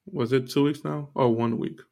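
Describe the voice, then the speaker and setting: Speaking at a steady medium pitch and normal speed, this podcast host, born in Haiti, has a creaky, mellow voice. His casual faith monologue is earnest and preachy, aimed straight at listeners and full of fillers.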